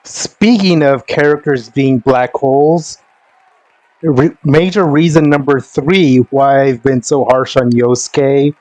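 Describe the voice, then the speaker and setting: A man's voice: medium pitch, slow, darkish tone, no room sound, low-quality recording. A man giving casual commentary as a game streamer, with a sardonic, exasperated manner and free swearing. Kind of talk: casual commentary over gameplay.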